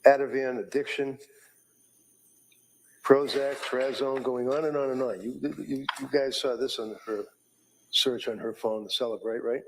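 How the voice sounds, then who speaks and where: A man working as a defense attorney, cross-examining a witness in a courtroom recording, halting and repeating his words as he leads the questions. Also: mid-range voice, fairly even intonation, slight background noise, low-quality recording.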